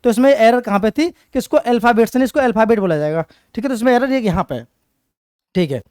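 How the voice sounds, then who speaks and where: An English teacher gives an exam-prep lecture for competitive exams, his extremely high voice fast, lively, slightly mellow, and smooth with no echo. He drills students in call-and-response, repeating words and posing questions while writing on a board.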